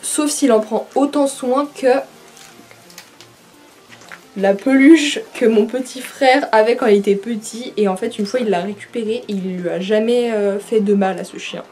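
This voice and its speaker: A woman's voice: fairly high pitch, normal speed, hardly any pauses. Chatty young woman unboxing pet treats. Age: young adult. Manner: chatty, many fillers, excited asides. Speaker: vlogger unboxing a pet box. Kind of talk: casual unboxing chat.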